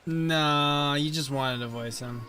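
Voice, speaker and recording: A man's voice: on the high side, slow, pushed and bright, soft background music. A man joking and bantering sarcastically while playing a game on a stream. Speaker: gamer on a stream. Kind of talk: joking gaming chat.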